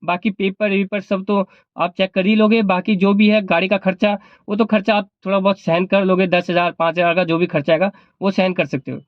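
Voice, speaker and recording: In a level tone, pitched high and a bit fast, this man shares casual advice on his vlog, circling back over his points. He is a cab driver with a sore throat, not at full volume, and the audio is dull with no room sound.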